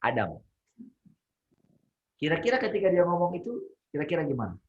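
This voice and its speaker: A man's voice: fairly high pitch, very animated, brisk, muffled recording, a little hiss or hum. A man leading an interactive Bible study on a video call, talking conversationally, asking the group questions and often searching for words. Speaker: Bible teacher.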